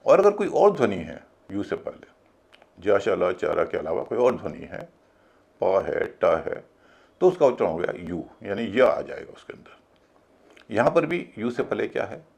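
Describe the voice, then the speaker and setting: A man's voice: fairly low pitch, big pitch swings, unhurried, gravelly, a little mellow, husky. A man teaching English pronunciation in a video class, explaining each rule step by step and spelling words out letter by letter.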